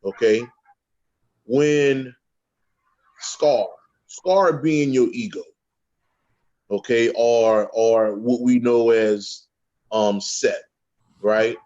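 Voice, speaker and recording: Slow-talking profane man. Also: medium pitch, darkish tone, dull audio. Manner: profane, repeats words, checks in with "okay?". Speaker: guest speaker on a spiritual panel. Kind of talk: casual spiritual talk.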